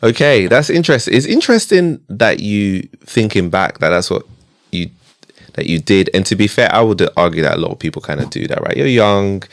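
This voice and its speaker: Deep-voiced male host, encouraging. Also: animated, fairly quick, no room sound, clean studio sound. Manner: encouraging, lots of "mm" and "right?". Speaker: podcast host. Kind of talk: casual interview.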